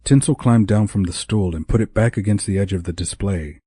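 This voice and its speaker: A man narrating a romantic comedy audiobook in a measured, even reading. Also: on the low side, breathy edge, no echo, studio quality.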